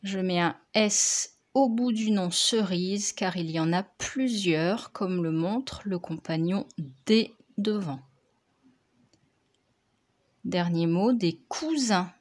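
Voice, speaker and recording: A woman teacher, slowly dictating and correcting spelling words for young pupils, articulating each word carefully. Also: medium pitch. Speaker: primary school teacher.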